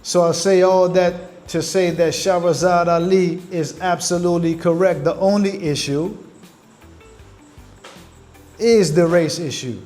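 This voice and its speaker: Addressing his livestream audience as family, an earnest Caribbean channel host speaks in a high voice with fairly even intonation. He's unhurried, taking his time to weigh every phrase, while soft music plays quietly in the background.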